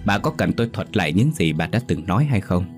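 A man's voice: deep voice, sing-song, quick pace, soft background music. A man playing a sneering drunken husband. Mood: coldly menacing. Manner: contemptuous, mocking taunts.

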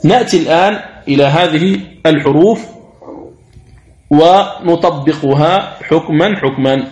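A man teaching the rules of Quran recitation, explaining slowly and drawing out his recited examples. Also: fairly high pitch, a little mellow, echoey room. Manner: slow, deliberate explanation with drawn-out recited examples. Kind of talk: tajwid lesson commentary.

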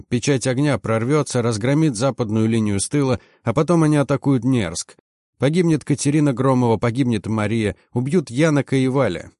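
A man's voice: medium pitch, darkish tone, no room sound, clean studio sound. A man narrating a first-person audiobook in a tense, driven manner.

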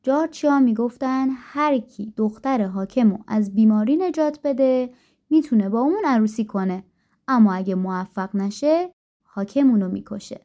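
A woman narrating a folk tale in a calm, gentle storytelling manner. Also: a little high. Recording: dull lo-fi recording.

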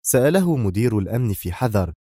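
A man reading a spy novel aloud as narrator, in a steady, measured delivery. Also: on the low side, breathy edge, no room sound, clean studio sound. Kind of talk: scripted audiobook narration.

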